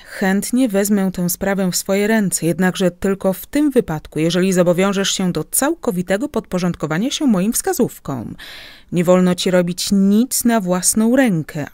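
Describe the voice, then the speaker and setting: A woman reading the part of a worldly, ironic middle-aged uncle in an audiobook, speaking in a smooth, patronizing, conspiratorial way. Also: mid-range voice, darkish tone, no echo, studio quality.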